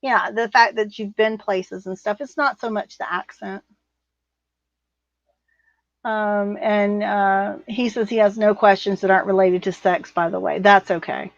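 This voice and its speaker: A woman's voice: mid-range voice, steady tone, unhurried, creaky, no echo. Blunt, rambling woman co-host. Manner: blunt, rambling, laughs often. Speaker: livestream co-host reading viewer comments. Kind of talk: casual live chat. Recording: muffled, dry sound.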